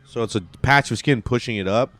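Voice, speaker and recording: A man's voice: medium pitch, a little fast, a bit bright. A man in his thirties, a comedian chatting casually in a bar and slipping into silly bits. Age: 30s. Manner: jokey, drifts into silly bits. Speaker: guest comedian.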